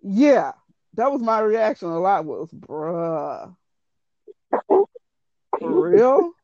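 A woman's voice: lowish voice, sing-song, takes it slowly, mellow, no echo. A woman animatedly retelling a story in casual, profane, exasperated chat. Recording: dull lo-fi dry audio.

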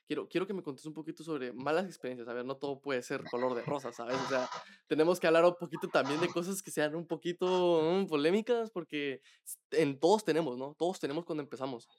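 A man leading a relaxed interview, talking in loose, chatty runs. He repeats words and leans on fillers as he asks questions. His voice sits a little high for a man. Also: quick pace, slight background noise. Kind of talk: casual interview chat.

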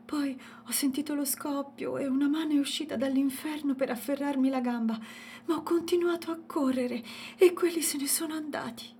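A frightened young mother gasps out her words in a storybook scene, voiced by a woman narrator. Her breathless speech rises high and thin. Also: fairly even intonation, normal speed, darkish tone, slight background noise, close to an everyday voice.

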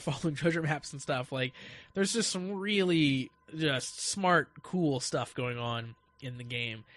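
A man's voice: on the high side, a bit bright, no room sound. A man hosting a gaming podcast in casual chat, eager, laughing often and stammering through his sentences. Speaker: podcast host.

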